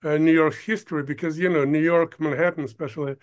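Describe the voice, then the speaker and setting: An older man from Ukraine, a producer, talking as an interview guest in a halting way, stopping often to search for words. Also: a little high, fairly even intonation, clear, resonant tone. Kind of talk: casual interview talk.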